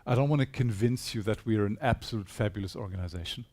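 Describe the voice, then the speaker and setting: A man's voice: lowish voice, fast talker, a little mellow. A man giving a conference presentation in a hall, earnest and persuasive, putting rhetorical questions to his audience. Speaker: conference speaker.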